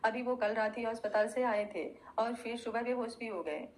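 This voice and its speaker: A two-faced young woman in an audio love story, sweetly polite aloud and sly in her asides, as a woman storyteller plays her. The voice sits fairly high. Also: steady tone, normal speed, close to an everyday voice. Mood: worried.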